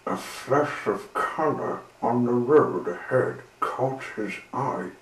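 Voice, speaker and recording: Guy reading a kids train story real slow, even voice, echoey room with faint hiss. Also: medium pitch.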